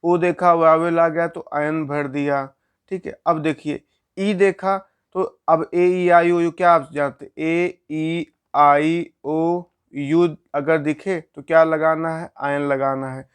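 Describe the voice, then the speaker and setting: A man's voice: fairly high pitch, fairly even intonation, slow, clear, resonant tone. A man teaching a grammar lesson, explaining step by step and asking questions he answers himself.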